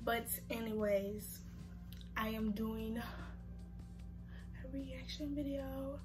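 A young woman with a highish voice talks slowly over music on a low-quality recording. She is losing her voice from being sick. Hosting a reaction video, she rambles to viewers in casual slang with lots of fillers.

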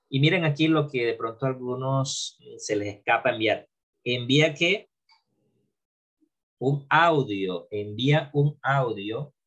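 Husky-voiced male teacher, forties, slow, patient, repetitive classroom delivery. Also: mid-range voice, lo-fi sound. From Colombia. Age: 40s. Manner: slow drilling repetition of English phrases. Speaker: English teacher. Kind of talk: classroom video lesson.

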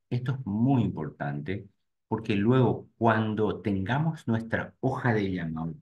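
A low-voiced man leads a live webinar for real estate agents. He speaks straight to his audience and narrates each click out loud as he works through the screens. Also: muffled recording. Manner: talks to "gente" directly while clicking through screens, thinking aloud. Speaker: real estate marketing instructor.

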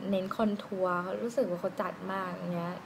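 A woman doing a casual lipstick swatch review, chatty and giggly, musing aloud with drawn-out fillers. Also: fairly low pitch, steady tone. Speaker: beauty vlogger. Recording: noisy room ambience.

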